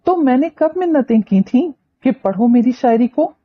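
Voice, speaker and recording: Touchy young woman, sharp-tongued and flustered, animated pitch, voiced by the woman narrator, dull lo-fi sound. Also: moderate pace. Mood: irritated.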